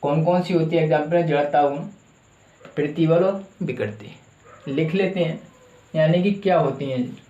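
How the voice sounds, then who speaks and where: A man's voice: fairly high pitch, moderate pace, warm tone, lo-fi sound. Echoey Hindi-speaking male teacher. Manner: asks a question, then answers it himself, repeating key terms. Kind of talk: classroom lecture with call-and-response questions.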